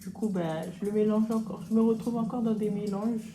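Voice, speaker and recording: A young woman from French Guiana, a beauty vlogger chatting casually while doing her makeup, with relaxed slangy asides. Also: medium pitch, fairly quick, noisy background. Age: young adult.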